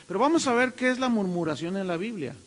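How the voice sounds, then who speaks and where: Emphatic Mexican pastor in a reverberant hall. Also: male voice, high-pitched, animated, fast. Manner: emphatic, rhetorical questions, mimics voices. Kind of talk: sermon.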